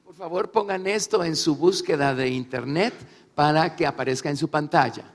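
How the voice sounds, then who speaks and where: High-voiced male interpreter in a reverberant hall. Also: normal speed. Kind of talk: consecutive interpreting of a religious talk. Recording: echoey hall, long reverb.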